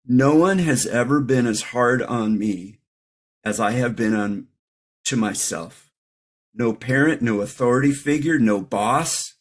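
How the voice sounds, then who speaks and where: Husky middle-aged man sharing his recovery story. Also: medium pitch, a little slow. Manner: candid, reflective, self-deprecating humor. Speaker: recovery meeting speaker. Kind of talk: personal recovery share.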